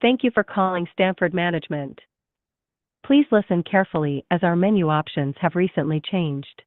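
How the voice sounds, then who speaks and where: A woman's recorded phone menu voice, set a little low, reading options in a slow, measured, polite way. It comes through a tinny phone line with a dry, close sound and no room around it. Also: dry recording. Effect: recorded automated phone menu. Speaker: automated phone system voice. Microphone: heard through a phone call.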